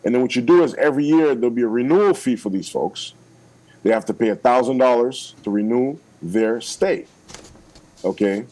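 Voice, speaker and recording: A man's voice: mid-range voice, normal speed, mellow, rough recording. A man, a political candidate, making his case in a radio interview, emphatic and persuasive, checking in with "okay?" again and again.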